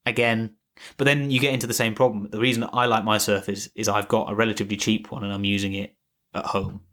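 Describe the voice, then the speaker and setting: A man's voice: lowish voice, flat delivery, quick pace, a bit bright. A man co-hosting a podcast, talking casually and rambling with many restarts and fillers. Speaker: podcast co-host. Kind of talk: casual tech chat.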